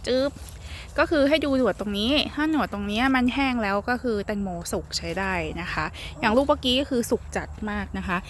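A woman's voice: fairly high pitch, fairly bright tone, a little hiss or hum. A woman chatting casually while showing how to check watermelons in a field, talking politely and tapping the fruit. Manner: chatty, polite particles, taps and listens to fruit. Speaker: organic farm seller. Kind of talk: casual demonstration.

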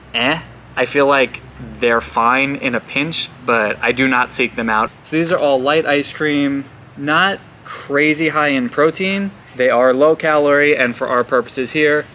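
A young man talks through a food review outdoors in a chatty, self-deprecating way, tripping over unfamiliar names. His voice is bright and a little tense, sitting at a middle pitch for a man. Faint outdoor noise sits behind him. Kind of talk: casual vlog review.

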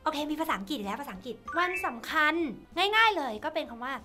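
A woman's voice: high voice, very animated, quick pace, over music. A woman streamer chatting casually and reading fan lines aloud, giggly and playful, laughing often. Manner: playful, teasing. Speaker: virtual streamer.

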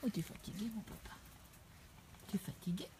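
A woman talking casually on a live home video, coaxing and scolding her dogs in an animated way. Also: mid-range voice, normal speed, background noise. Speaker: dog owner streaming live. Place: at home, indoors.

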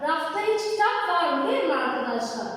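A woman's voice: extremely high pitch, very animated, fairly quick, fairly bright tone. A woman teaching an English grammar lesson, patiently explaining each step and often checking that her students follow. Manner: patient, explains step by step, keeps asking "right, friends?". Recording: echoey room, voice far from mic.

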